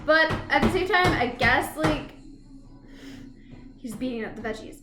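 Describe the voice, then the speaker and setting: High-voiced chatty woman in a roomy space. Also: expressive, unhurried, over loud music. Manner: chatty, rambling, often laughs and hums filler syllables. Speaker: vlogger reviewing a TV episode. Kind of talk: casual rambling chat to camera.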